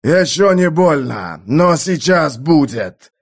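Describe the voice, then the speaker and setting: A gravelly, raised voice of a brutal old mercenary who snarls and barks his threats at a captive, as an audiobook narrator puts him on. The voice sits a bit higher than plain speech, rough and gritty. Heavy menace in every line. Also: expressive, a little slow. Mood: menacing, furious. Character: brutal grizzled German mercenary, old man. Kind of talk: audiobook character voice.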